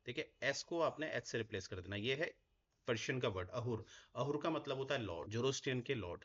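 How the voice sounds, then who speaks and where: A male teacher giving a lecture, walking students through each point and often asking "right?" to check they follow. His voice sits at a middle pitch for a man. The recording is a little dull and lo-fi. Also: fairly bright tone. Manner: explains step by step, often asks "right?". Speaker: Hindi teacher. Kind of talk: classroom lecture. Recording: slightly dull lo-fi audio.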